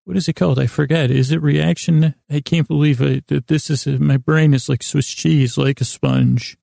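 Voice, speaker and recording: A podcast host with a very creaky, gravelly voice, a dark, mellow tone and a pitch on the high side rambles through an improvised sleep podcast monologue. Recorded close and dry with no echo and fairly even intonation, he meanders, halts, trails off and restarts, musing whimsically on small, gently absurd things.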